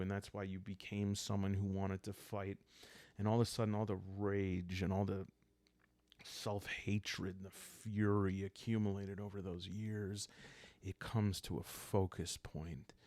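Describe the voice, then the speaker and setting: A man calmly improvises the story of a solo roleplaying game as he plays it, speaking in a hushed, unhurried way with dramatic pauses. His voice is low and the recording dry.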